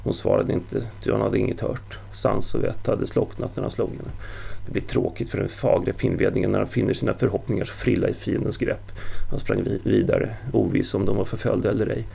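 Gravelly low-voiced male narrator. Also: level tone, mellow. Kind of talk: audiobook narration of a Viking tale.

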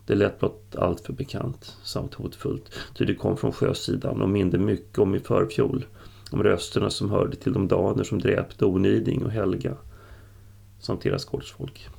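Casting: male audiobook narrator, steady scripted narration, low and very gravelly.

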